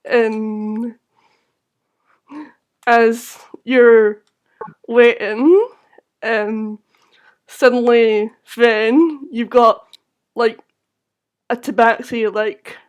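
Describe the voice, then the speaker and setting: Woman, game master, higher-pitched, slow, halting improvised narration, tabletop role-playing. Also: steady tone, smooth, dull audio.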